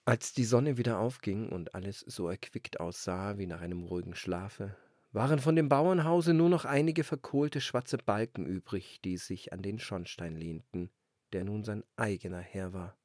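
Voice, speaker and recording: A man reading a fairy tale aloud in a calm, expressive storytelling manner on a close mic. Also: on the low side, moderate pace, dry recording. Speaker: narrator.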